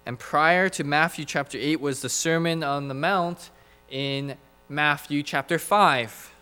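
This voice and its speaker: A man preaching a sermon in an earnest, emphatic way, with dramatic pauses. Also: a little high, bright, forceful tone, smooth. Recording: reverberant hall with mains hum.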